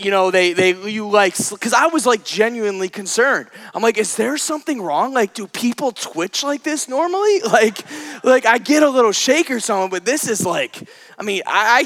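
Young guy preaching in church, kinda high voice, animated, keeps laughing at his own stories. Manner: animated, laughs often, self-deprecating. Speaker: pastor. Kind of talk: storytelling sermon. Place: church with live audience.

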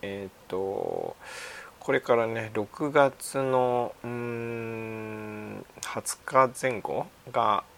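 An older man hosting a radio segment, talking off the cuff and haltingly, thinking aloud. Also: fairly low pitch, sing-song, creaky, fairly bright tone, a little hiss or hum. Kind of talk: unscripted radio monologue.

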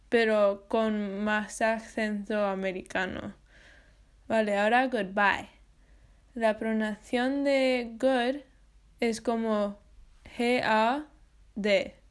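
A woman giving a scripted English pronunciation lesson, spelling out sounds slowly and carefully. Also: fairly high pitch, smooth. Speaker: English teacher.

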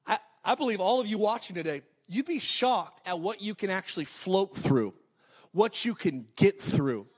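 A man in his thirties delivers a sermon in a high, bright-edged voice. He preaches with energy, stacking repeated declarations and slipping in quick joking asides before driving his point home. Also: animated, husky. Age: 30s. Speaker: pastor.

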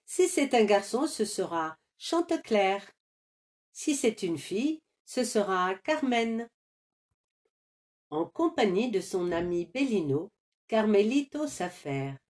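A woman narrating an animated children's series in a gentle, measured storytelling manner. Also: medium pitch.

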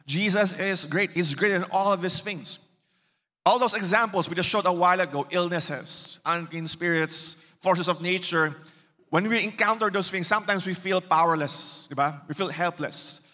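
A high, bright-voiced man with a Cebuano Filipino accent preaches to his congregation in a conversational way, moving between English and Bisaya and checking in with rhetorical questions. His voice carries a long reverb from a church hall. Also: normal speed. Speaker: pastor. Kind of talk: sermon.

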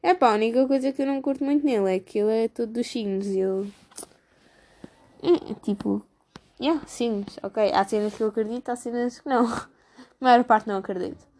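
In a casual chat, a teen student vlogger with a European Portuguese accent gossips about her classmates using lots of slang. She speaks fairly quickly in a slightly high, warm voice.

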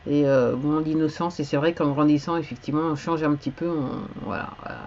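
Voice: mid-range voice, brisk, darkish tone, slight background noise. A singer-songwriter from France chatting unscripted on a live stream, rambling and hesitant with many restarts. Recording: slightly dull lo-fi sound.

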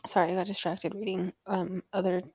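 A young woman recaps a TV episode in a loose, chatty way, often swearing and trailing off. Her voice has a gravelly fry to it. The recording is dry and close. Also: lowish voice, level tone, a little fast, dark tone, no echo. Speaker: recap show host.

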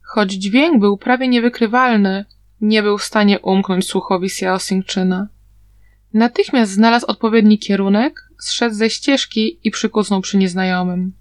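A woman's voice: mid-range voice, steady tone, measured pace, no echo. Woman with a dry, close narrating voice. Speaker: audiobook narrator. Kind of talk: storybook narration.

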